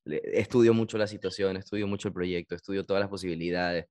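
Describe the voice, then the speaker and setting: A man's voice: sits low, fairly even intonation, quick pace, a little mellow. A young man hosting an interview, talking at length in a reflective, self-critical way. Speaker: interview host. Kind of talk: casual interview chat.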